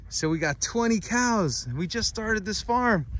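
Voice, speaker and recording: A man's voice: high voice, expressive, unhurried, fairly bright tone. A man telling a casual story on a walk-and-talk farm vlog, rambling with many fillers as he walks through a pasture. He is recorded on a handheld phone out in the open. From United States. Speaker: farmer and channel host. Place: outdoors in a farm pasture with cattle.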